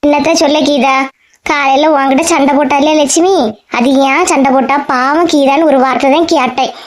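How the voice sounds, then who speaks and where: A woman's voice: high voice, fairly even intonation, moderate pace, natural voice. A woman voicing Vasanthi, a self-righteous, gossipy village woman in a cartoon, with a Kanyakumari Tamil accent and a preachy, complaining manner.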